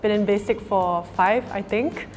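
Relaxed woman model in her twenties. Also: medium pitch, unhurried, in a large hall, soft background music. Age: 20s. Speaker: model and mentor. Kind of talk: self-introduction on camera.

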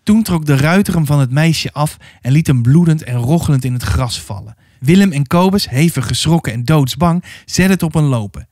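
A man reading a historical novel aloud with steady, dramatic storytelling. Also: fairly high pitch, brisk, no echo, studio quality. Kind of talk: audiobook narration.

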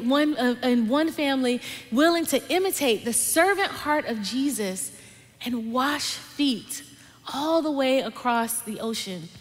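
A young adult woman giving a conversational, dynamic sermon as a guest speaker, dropping to soft emphasis on key words. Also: on the high side. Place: large church stage with lights and screens. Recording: long hall reverb from a big auditorium.

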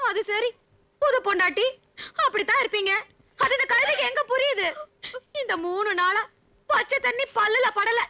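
A shrill scheming village mother. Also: pushed and bright, dry recording, heavily acted.

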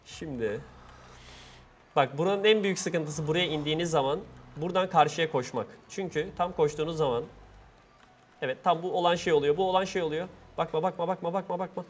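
A man giving chatty, excitable live commentary on his own gameplay, laughing often, on a gaming headset. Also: a little high, a little fast, a little hiss or hum. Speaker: guest gamer.

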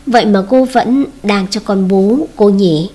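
A woman reading the lines of a spoiled young woman who mocks and then begs, in a husky voice. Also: mid-range voice, unhurried, warm tone, close to an everyday voice. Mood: mocking. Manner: mocking, then whiny and begging. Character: spoiled young woman, scornful, pleading ex-girlfriend.

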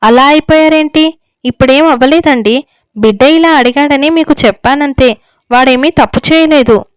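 A woman's voice: sits high, moderate pace, dry recording, lightly acted. A woman reading the lines of an anxious older mother who pleads with her husband for her son. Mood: pleading. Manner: pleading, tearful. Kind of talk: story reading.

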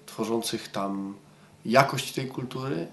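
A man's voice: medium pitch, slow, vocal fry, a bit bright. A man giving an interview comment, repeating key words for emphasis.

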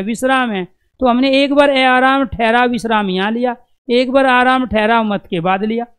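Smooth-voiced Hindi teacher quizzing his class. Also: very high-pitched. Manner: poses rhetorical questions and answers them himself; addresses students warmly as dear friends. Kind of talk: live online exam-prep class.

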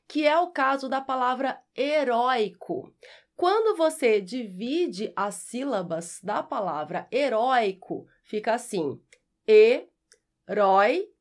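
A woman from Brazil with a Brazilian accent, teaching a scripted grammar lesson and spelling out syllables clearly. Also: on the high side. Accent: Brazilian Portuguese. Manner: slow, clear, syllable-by-syllable explanations. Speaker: Portuguese teacher.

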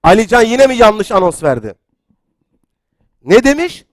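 Excitable high-voiced male quiz host. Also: unhurried, no echo, clean studio sound. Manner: excitable, gets loud then apologizes; chatty, reads out viewer comments. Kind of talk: live-stream quiz hosting.

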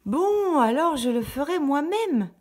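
A busy little red hen with a lively, singsong voice pitched well above the reader's own, as a woman puts her on. She speaks in bright, insistent bursts, as in a children's storybook. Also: measured pace. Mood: determined. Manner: high, bright, emphatic exclamations. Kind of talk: storybook reading.

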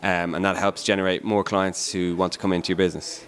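A man in his thirties, a company founder, delivering a brisk, polished promotional pitch into a handheld mic at an indoor event. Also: little pitch movement, a bit bright. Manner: brisk, polished sales talk.

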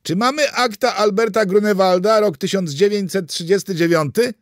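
A man voicing a polite male detective who calls out in a raised, high voice. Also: wildly swooping pitch, fast, darkish tone, no room sound, studio quality, heavily acted. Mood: calling out.

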